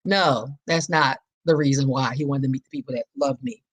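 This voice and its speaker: A woman's voice: a bass voice, brisk, breathy edge. A woman hosting her own podcast in an impassioned, preacher-like monologue, repeating phrases for emphasis. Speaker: podcast host.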